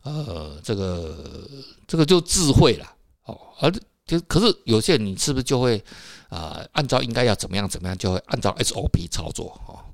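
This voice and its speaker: A man's voice: lowish voice, very animated, moderate pace, gravelly, dry recording, studio quality. A man with a Taiwanese Mandarin accent, hosting a casual solo talk for listeners, rambling with filler particles and tag questions. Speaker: podcast host.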